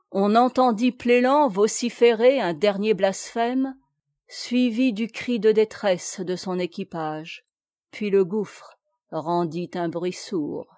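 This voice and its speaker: A woman narrating an adventure story in a measured, steady reading voice. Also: medium pitch, no room sound, clean studio sound.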